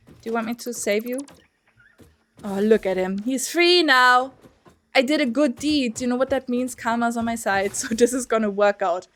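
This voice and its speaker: A woman's voice: a little high, lively intonation, normal speed, a bit bright. A young woman streaming a game, rambling and swearing freely as she chats with her viewers. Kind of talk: casual gameplay commentary. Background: faint music.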